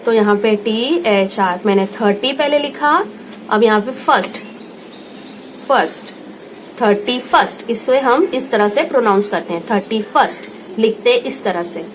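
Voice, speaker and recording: An Indian woman tutor giving a home lesson, slowly repeating each word and checking in with her listener. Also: on the high side, slight background noise, poor audio. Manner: slow patient repetition, checks in with "theek hai".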